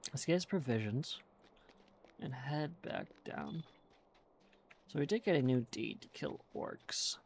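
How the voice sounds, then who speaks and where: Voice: mid-range voice, animated, slow pace, gravelly, long pauses, darkish tone, a little hiss or hum. A gamer giving casual commentary on a playthrough, reading quest text aloud in an easygoing, self-mocking way.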